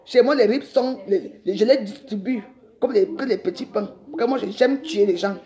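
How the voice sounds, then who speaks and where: A woman's voice: mid-range voice, moderate pace, warm tone. A middle-aged woman, ranting defiantly on a live stream and rambling with repeated words. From Cameroon. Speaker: social media livestreamer.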